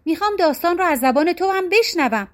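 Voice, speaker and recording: A woman voicing a wise male ruler who gives judgment in a calm, measured way, in a storybook reading. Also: extremely high pitch, pitched above the performer's own voice. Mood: measured, firm. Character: stern wise male Indian ruler judging.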